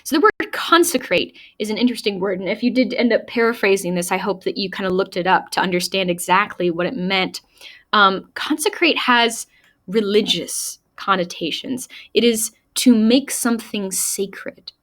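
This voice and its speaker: A woman's voice: medium pitch, a bit bright. A woman teacher explaining a famous speech line by line in a recorded lesson, reading quotes aloud with emphasis. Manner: explains slowly, reads quotes aloud with emphasis, small laughs. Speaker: high school English teacher.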